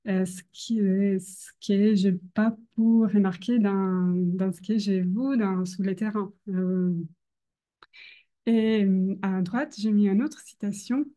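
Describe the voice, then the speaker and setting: A young woman with a foreign accent, a non-native speaker, gives an academic presentation hesitantly, often pausing to search for words. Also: mid-range voice, fairly even intonation, dark tone. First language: not French. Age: young adult. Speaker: doctoral researcher presenting.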